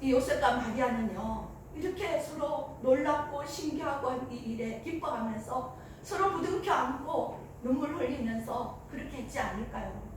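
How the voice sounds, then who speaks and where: A woman's voice: high voice, normal speed, background noise. A woman pastor preaching a Christmas sermon, telling the story and acting out the prayers. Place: church sanctuary. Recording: echoey church hall, mic at a distance.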